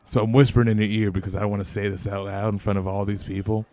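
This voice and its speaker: A man's voice: on the low side, level tone, fast, warm tone, natural voice. A man playing a crude, menacing male chef who leans in close and swears while he talks. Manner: swears constantly, looms close and intimidates. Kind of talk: comedy sketch acting.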